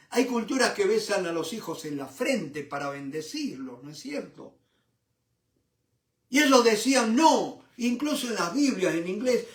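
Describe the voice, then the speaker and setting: An older Argentine Bible teacher preaches in a high voice, leading a sermon-style Bible study in Argentine Spanish. He's expressive, asks rhetorical questions, and keeps repeating "¿no es cierto?" The mic is distant and the sound roomy.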